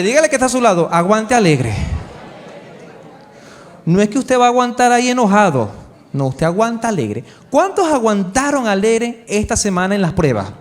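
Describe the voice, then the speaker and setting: High-voiced preacher calling out to his church. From Chile. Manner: call-and-response preaching, asks the congregation to answer; stretches key words slowly for emphasis. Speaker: pastor. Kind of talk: sermon. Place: church hall with congregation.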